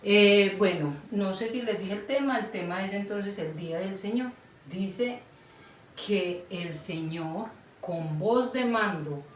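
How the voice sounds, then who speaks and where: Lady doing sunday school for little kids, slow patient talk, echoey far-off mic. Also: medium pitch. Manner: slow, patient, asks children for agreement. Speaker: children's Sunday school teacher. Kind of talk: Bible lesson for small children. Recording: echoey room, far from mic, faint noise.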